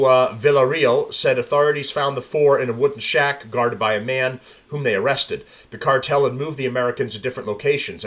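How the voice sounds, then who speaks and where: In a mid-range, slightly bright voice, a man hosting a podcast reads out the news and reacts bluntly and profanely. He restarts frequently and drifts off into rambling tangents.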